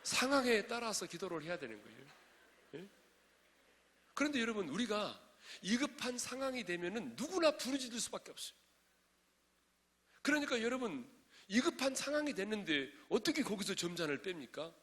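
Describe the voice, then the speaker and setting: A male pastor preaching to a congregation, swinging from shouted exhortation to hushed asides and quizzing his listeners. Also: high-pitched, very animated, normal speed. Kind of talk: sermon at a prayer meeting. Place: large church sanctuary. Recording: long reverb of a large church hall.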